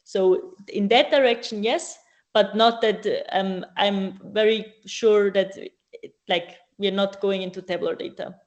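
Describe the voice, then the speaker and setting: A woman answers questions in a relaxed live Q&A. She hesitates often, filling gaps with ums and breaking off to rephrase. Her pitch sits in an ordinary middle range. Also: a little slow, lo-fi sound. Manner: hesitant, many ums and restarts. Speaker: speaker at a student AI event.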